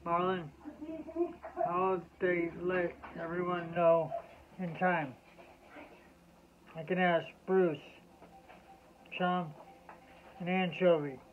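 A man reading a children's bedtime story aloud in a slow, measured way. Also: high-pitched, level tone, a little hiss or hum. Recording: tinny lo-fi phone-like audio.

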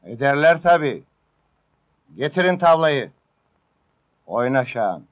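A wise old man of the prison ward, speaks in a mid-pitched, expressive voice. He hands out fatherly counsel in film-drama style. The sound is dry and dull, like an old film. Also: no echo. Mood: calm, commanding. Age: older. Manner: sententious, measured advice-giving. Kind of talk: Turkish film drama acting.

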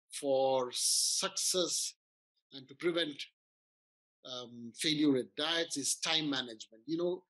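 Earnest doctor, slightly high male voice. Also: fairly bright tone, poor audio. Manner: earnest, explaining with many restarts. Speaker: doctor giving weight-loss advice. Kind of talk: informal health talk.

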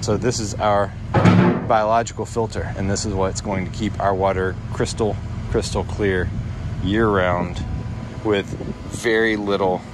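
A man's voice: fairly low pitch, level tone, a little slow. A man giving a casual walkthrough of a backyard pond build, talking plainly and explaining as he goes. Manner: plain, explanatory, loose restarts. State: out of breath. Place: outdoor backyard construction site. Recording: outdoor recording with wind noise.

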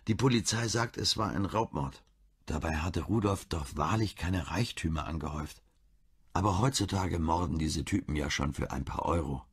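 A weary, bitter husband in his mid-forties, as the male narrator plays him. His voice is very low and creaky. It sounds rough and husky. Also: moderate pace, heavily acted. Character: 45-year-old man, drinking, grieving husband.

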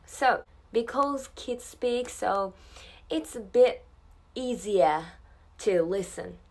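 A woman leads a language lesson in a medium-pitched voice. She speaks model phrases slowly and distinctly, then explains them briskly and repeats each drill line for listeners to copy. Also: lively intonation, darkish tone. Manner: slow, careful model phrases and fast explanations. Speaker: English teacher.

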